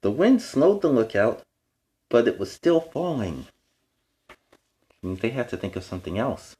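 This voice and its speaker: Reading a story for kids in the guise of a superhero, this host has a warm, medium-pitched voice and is very animated, if a little slow. His playful asides pause to explain words and the lessons behind them.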